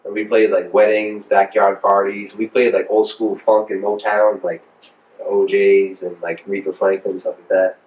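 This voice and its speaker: A thirtysomething American music producer from Rhode Island chats informally in an interview, slangy and meandering. His voice is fairly low, level and slightly mellow at normal speed, captured off the mic in an echoey, roomy space.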